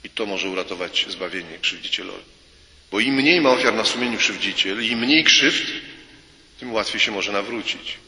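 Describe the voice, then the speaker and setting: Male preacher, low and very forceful, emphatic and repetitive, reverberant hall sound. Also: moderate pace. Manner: emphatic, repeats key phrases, acts out quoted dialogue. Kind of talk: sermon. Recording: roomy with long reverb.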